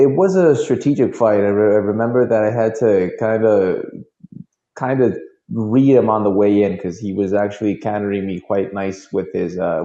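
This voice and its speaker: A man's voice: lowish voice, mellow. A man in his twenties from Mexico with a Mexican accent, answering casually in an interview and often repeating words as he thinks. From Monterrey, northern Mexico. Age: 20s. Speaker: guest, professional kickboxer. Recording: dull, roomy internet call audio.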